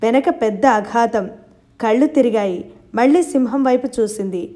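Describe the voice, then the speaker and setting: Woman narrating a novel, slightly high voice. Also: moderate pace, mellow. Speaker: audiobook narrator.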